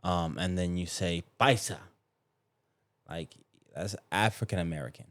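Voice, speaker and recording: A man who is a podcast guest, talking casually with lots of restarts and sudden jumps in pitch when he gets worked up. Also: a little slow, no room sound, clean studio sound. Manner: hesitant, many fillers and restarts, jumps up in pitch when excited.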